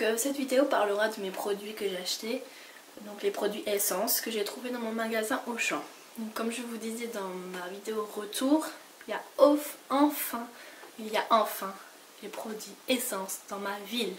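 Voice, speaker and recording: A woman from France with a sick, hoarse voice, chatting casually through a makeup haul and rambling with lots of fillers and restarts. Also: on the high side, normal speed. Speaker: beauty vlogger. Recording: noisy home recording.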